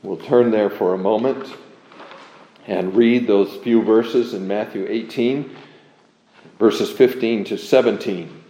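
A man preaching an expository sermon, earnest and measured, reading scripture aloud and leaning hard on key words. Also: on the low side, fairly even intonation, mellow. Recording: dull, echoey room sound.

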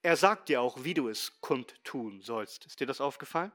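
Middle-aged male pastor, sermon delivery, bright ringing tone, emphatic with hushed low drops. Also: animated, normal speed. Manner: emphatic preaching, swinging between loud stresses and quiet low asides.

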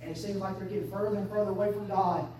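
A woman, preaching an impassioned sermon that swings between hushed and shouted. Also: mid-range voice, fairly even intonation, rapid-fire, a little hiss or hum. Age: 30s. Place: church sanctuary. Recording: echoey church from far off.

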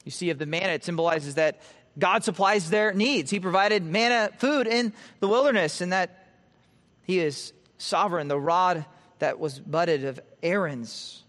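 A man preaching an expository sermon from the pulpit, swelling with emphasis and dropping quiet at the ends of phrases. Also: high-pitched, moderate pace, in a large hall. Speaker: pastor. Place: church sanctuary.

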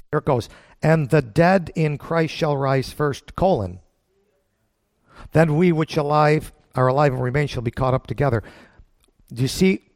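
A man preaching a Bible-teaching sermon in a folksy, plain-spoken way, emphatic, with deliberate pauses and rhetorical questions. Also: mid-range voice, gravelly, a little mellow, no room sound, studio quality.

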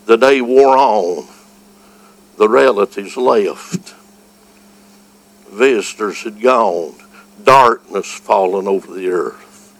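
A man with a Southern US accent preaching a fervent evangelical revival sermon, folksy and exclamatory, moving between quiet storytelling and shouting. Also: lowish voice, slow pace, long pauses, rough recording.

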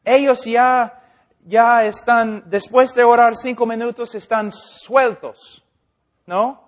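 A man's voice: extremely high pitch, fairly even intonation, takes it slowly. A man, an English speaker, preaches informally in Spanish, correcting himself and checking that listeners follow. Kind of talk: informal teaching sermon.

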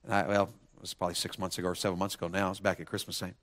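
A man preaches from the pulpit with a bright, forceful voice. He swings from hushed lines to near shouting and fires rhetorical questions at his listeners. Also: sits low, little pitch movement, very fast. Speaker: pastor. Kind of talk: sermon.

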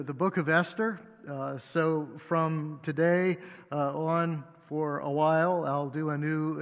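A male associate pastor with a fairly high voice preaches a sermon into a pulpit microphone in a church sanctuary, with long hall reverb. He is unhurried and halting, uses many fillers, and now and then makes a gentle joke.

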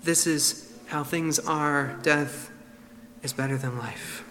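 A male preacher voicing an angry, bitter prophet who is defying God, in a low, disgusted tone. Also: expressive, slow pace, sharp tone, long reverb tail, slight background noise, exaggerated voice.

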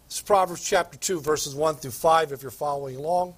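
Man, pastor, high-pitched sermon voice, emphatic and repetitive. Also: husky. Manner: emphatic preaching with dramatic pauses and repetition.

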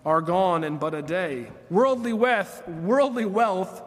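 A man's voice: sits high, takes it slowly. A man in his late thirties preaching a sermon as pastor, earnest, reading scripture aloud and lifting his voice on key phrases. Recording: long hall reverb.

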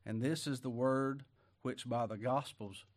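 A man preaching a sermon, fervent and folksy, swinging between loud declarations and quiet asides. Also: mid-range voice, steady tone, a little slow. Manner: colloquial rural speech, ain't and them.

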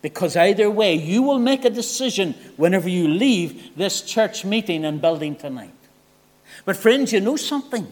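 A man preaching an evangelistic sermon in a church meeting. He is earnest, moving between soft, low asides and loud, emphatic appeals. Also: animated, normal speed. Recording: long church hall reverb.

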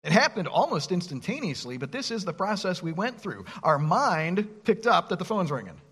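A man preaching with a husky, slightly raised voice. He reads verses aloud and asks the listeners questions, his pitch leaping high and dropping low as he presses each point. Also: sing-song, normal speed, a bit bright. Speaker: pastor. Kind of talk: sermon.

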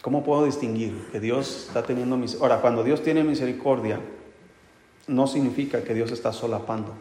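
Preacher in an echoey hall. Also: male voice, medium pitch, fairly quick, warm tone, a little hiss or hum. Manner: rhetorical questions, asks the congregation and answers himself; addresses listeners as brothers, light humor. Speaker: pastor. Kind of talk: sermon. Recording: echoey hall with long reverb.

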